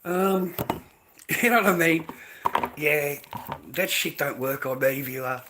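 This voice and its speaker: A man's voice: fairly high pitch, slow, background noise. A middle-aged Australian man ranting angrily on a livestream, aggressive and full of profanity. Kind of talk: angry livestream rant.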